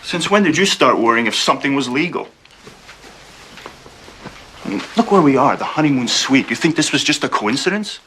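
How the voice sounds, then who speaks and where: A man's voice: medium pitch, big pitch swings, moderate pace, pauses often, background noise, lightly acted. An actor playing a reluctant, fretful man complaining to his partner in a television drama.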